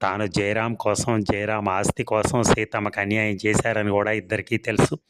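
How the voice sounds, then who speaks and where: A man reading a storybook serial in steady, scripted narration. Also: lowish voice, normal speed, heavy background noise.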